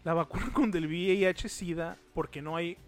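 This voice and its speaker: A man's voice: high voice, steady tone, moderate pace, faint music behind. A man with a Mexican Spanish accent and Chicano-style slang, chatting casually and teasingly as a podcast co-host. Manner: teasing, wordplay-prone banter. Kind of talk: casual, slangy joking chat.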